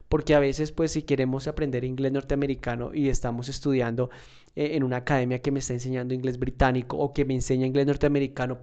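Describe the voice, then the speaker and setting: A man's voice: medium pitch, dark tone. A man teaching a casual spoken lesson, conversational and explanatory, often checking in with his listener. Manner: conversational, checks in with "¿listo?" and "¿verdad?"; fillers and restarts, measured explaining. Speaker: English teacher.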